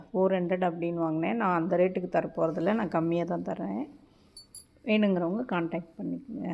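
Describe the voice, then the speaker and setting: A woman's voice: mid-range voice, mellow, highs cut off. A woman gardening vlogger talking casually at home, chatty and informal, often cutting off and restarting words.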